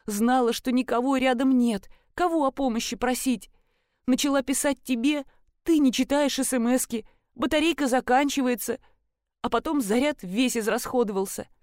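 A woman's voice: sits high, normal speed, darkish tone, dry recording, clean studio sound, voice pushed up, lightly acted. A woman reading an audiobook voices a frightened young woman trapped in a pit, who pleads tearfully and a little childishly. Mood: complaining. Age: young adult.

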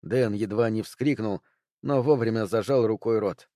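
A man reading a thriller audiobook aloud with steady, tense storytelling. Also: on the low side, normal speed, dry recording, studio quality. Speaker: audiobook narrator. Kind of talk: scripted thriller narration.

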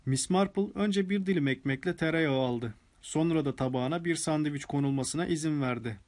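A man narrating a mystery audiobook in a steady storytelling manner. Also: on the high side, moderate pace. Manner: steady storytelling with acted dialogue. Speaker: audiobook reader.

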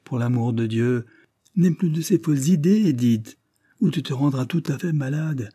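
A man's voice: medium pitch, normal speed, dark tone, husky, no room sound, studio quality, pitched above the performer's own voice, close to an everyday voice. A man reading an audiobook, voicing an evasive young husband who protests and reassures with forced cheer. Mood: agitated reassuring.

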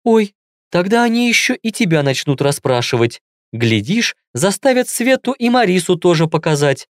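Young wife, worried, quips to hide it; male narrator lifts pitch, dry close read. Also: very animated, no echo. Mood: wry. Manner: teasing, brisk. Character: young woman, worried yet joking wife. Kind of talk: audiobook dialogue.

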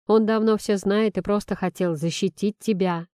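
A woman's voice: medium pitch, steady tone, moderate pace, mellow, clean tone, no echo, close to an everyday voice. A woman voicing a caring young female friend who talks in a soothing, persuasive way, recorded dry and close. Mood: coaxing. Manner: coaxing and soothing.

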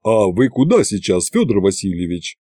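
A man's voice: fairly low pitch, sing-song, moderate pace, dark tone, breathy edge, no echo, clean studio sound, pitched below the performer's own voice. A man voicing a tired, grim male undead commander who speaks in short, clipped lines. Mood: weary.

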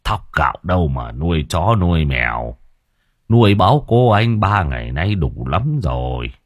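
A gruff, poor old villager with a kind heart, as a male narrator puts him on, grumbling and cursing in a slow, tired, low and husky voice. His pitch still rises and falls a lot, and the reading is close and dry, like a storybook read aloud. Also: big pitch swings, no echo, lo-fi sound, exaggerated voice.

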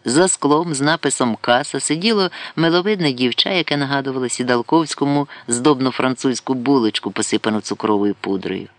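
A man narrating an audiobook with an expressive, storytelling delivery. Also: medium pitch, a little fast, few pauses, dry recording. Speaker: audiobook reader.

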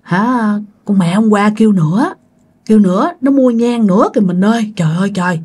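A woman's voice: mid-range voice, fairly quick, darkish tone, breathy edge, lightly acted. A woman with a Southern Vietnamese accent playing a frightened old grandmother pleading with her husband.

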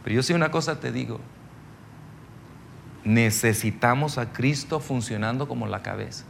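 A man's voice: medium pitch, moderate pace, gravelly, a little hiss or hum. A middle-aged man, teaching a ministry seminar in a folksy, conversational sermon style, telling stories and checking that listeners follow.

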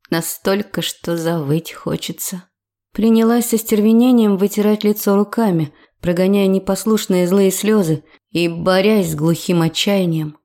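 A woman narrating a first-person audiobook in an emotional, expressive way. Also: medium pitch.

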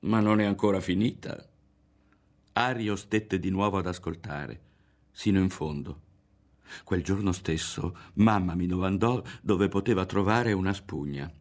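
A man with a low voice and an Italian accent reads a novel aloud in a studio. His delivery is theatrical and dramatic, rising in tension for violent scenes and dropping to a hush for reflection. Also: unhurried. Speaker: audiobook reader. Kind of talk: expressive literary reading.

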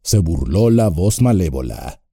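Gravelly, husky male audiobook narrator. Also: deep voice, unhurried, no echo, studio quality. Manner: expressive, dramatic reading.

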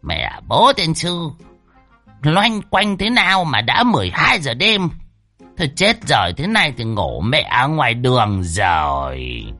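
A man's voice: medium pitch, very animated, moderate pace, pushed and bright, breathy edge, faint music behind, full character voice. Man doing a whiny, jittery old driver. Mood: grumbling. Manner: whiny, exclaiming. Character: jittery old male driver, grumbling and easily scared.

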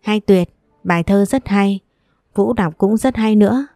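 A woman reading a gentle, patient young mother. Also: mid-range voice, unhurried, dry recording, clean studio sound, soft background music, close to an everyday voice. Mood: tender. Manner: soft, patient and tender. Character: gentle young mother talking to her son. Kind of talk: audiobook character dialogue.

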